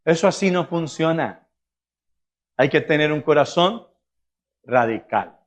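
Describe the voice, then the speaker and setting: Man, pastor, high voice, emphatic sermon, mimics excuses. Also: lively intonation, unhurried. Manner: emphatic, acts out congregants' excuses in funny voices. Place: church sanctuary.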